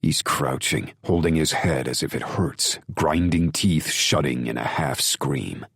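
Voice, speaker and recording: A man narrates a gothic audiobook in the first person with a brooding, intense delivery. His voice is extremely deep and gravelly with a husky edge, and he takes his time. The recording is dry and close. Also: unhurried, fairly bright tone, no echo.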